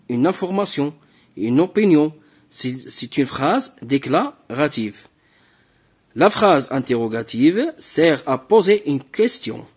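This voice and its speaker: A man's voice: a little high, a little mellow, slightly rough. A man teaching a French grammar lesson to primary pupils, patiently repeating key words and asking questions.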